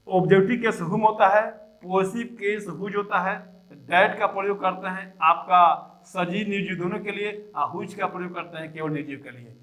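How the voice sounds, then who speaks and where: A male teacher explaining English grammar, repeating each example sentence slowly and deliberately. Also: sits high, fairly bright tone, low-quality recording.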